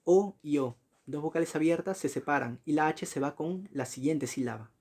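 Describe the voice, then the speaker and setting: A man's voice: a little high, a little mellow. Man teaching, checking in with "sí?". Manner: frequent checking questions, self-corrections; slow, spelled-out examples. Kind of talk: recorded slide lecture.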